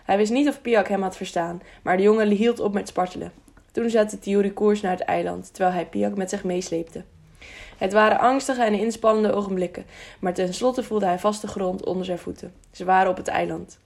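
Woman reading an audiobook, mid pitch, bit of vocal fry. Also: fairly even intonation, moderate pace, a little mellow. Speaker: audiobook narrator. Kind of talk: audiobook narration.

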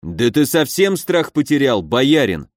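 A man voicing a hot-headed young nobleman in an audiobook, shouting and indignant. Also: medium pitch, big pitch swings, a little slow, dry recording, studio quality. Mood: angry.

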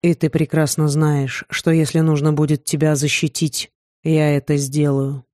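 A tender young snow prince, voiced by a woman reading an audiobook, soothing and protective in a soft, low-key way. His tone is warm and mellow, set against a dry, close sound with no room around it. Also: level tone, normal speed, no echo, natural voice. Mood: earnest. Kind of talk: audiobook character voice.

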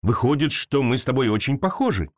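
A man voicing a naive, lonely swamp creature with big paws, talking slowly and with wonder. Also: very animated, no room sound, clean studio sound. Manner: slow, wondering, low-pitched.

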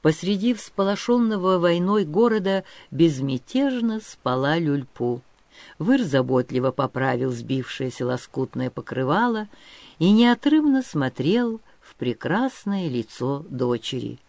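Male audiobook narrator, measured and expressive, somewhat high-pitched; dry studio sound. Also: creaky, no room sound. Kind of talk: scripted narration of a historical novel.

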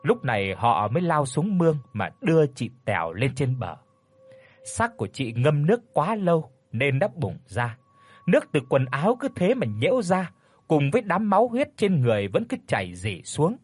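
Husky, expressive male storyteller. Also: fairly high pitch, moderate pace, no echo. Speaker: narrator. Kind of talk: scripted horror story narration.

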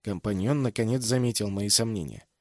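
A man's voice: on the low side, brisk, darkish tone, dry recording. Man narrating fiction, very dry recording. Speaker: audiobook narrator. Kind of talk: scripted first-person fiction narration.

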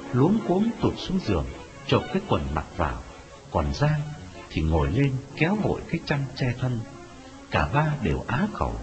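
Expressive male storyteller over music. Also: medium pitch. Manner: dramatic, expressive telling. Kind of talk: scripted story narration. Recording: dull lo-fi audio with music.

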